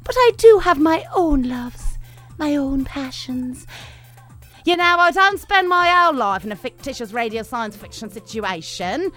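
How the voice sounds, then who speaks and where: A woman's voice: sits high, very animated, measured pace, fairly bright tone, faint music behind, exaggerated voice. A woman with a put-on Irish accent playing a fussy, tea-loving space sidekick in a comedy radio play, chatty and cheeky.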